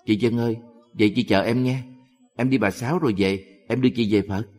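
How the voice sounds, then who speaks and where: A man voicing an earnest young relative who gives injections and talks in a hurried, eager way. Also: mid-range voice, fairly even intonation, darkish tone, natural voice. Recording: long hall reverb.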